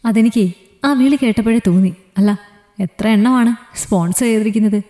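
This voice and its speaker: A woman's voice: on the high side, a little fast, dark tone, soft background music, close to an everyday voice. A woman storyteller voicing a strict young woman who scolds and teases her fiancé. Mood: scolding. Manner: scolding, teasing. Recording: reverberant echoey room.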